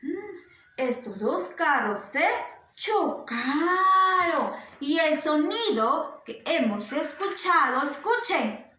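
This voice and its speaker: A woman giving a slow, coaxing lesson to small children, asking them questions again and again in a sing-song way. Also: sits high, very animated, pushed and bright, a little hiss or hum. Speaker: preschool teacher. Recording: roomy echo.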